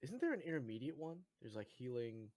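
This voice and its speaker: A man's voice: mid-range voice, big pitch swings, fairly quick, a little mellow. Casual man playing a tabletop game. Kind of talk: casual haggling chat.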